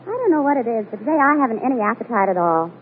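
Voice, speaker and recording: Woman, dry wisecracks, 1940s radio comedy, old AM radio sound, lively voice. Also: a little high, very fast. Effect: old AM radio broadcast sound. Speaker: comedy sidekick. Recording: tinny, hissy 1940s AM radio broadcast.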